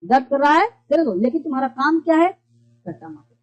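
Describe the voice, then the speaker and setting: The English teacher here has a high-pitched voice, lively intonation and a slightly fast pace. Teaching in classroom style, they go over points again and again and answer questions they raise themselves, on a dull lo-fi recording.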